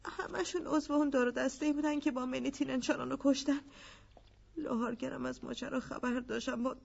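A woman's voice: sits high, fairly even intonation, creaky, breathy edge, lo-fi sound, heavily acted. An actress dubbing a frightened woman who pleads that she is innocent. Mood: confessing. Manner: pleading, fearful. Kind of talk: Persian film dub.

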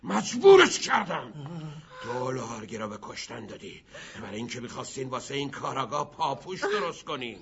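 A vengeful gangster with a gravelly voice. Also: male voice, medium pitch, very animated, highs cut off, noisy background. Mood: accusing. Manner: menacing, shouting, then pleading and bitter. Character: desperate vengeful gangster holding a gun, middle-aged man. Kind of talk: Persian film dub.

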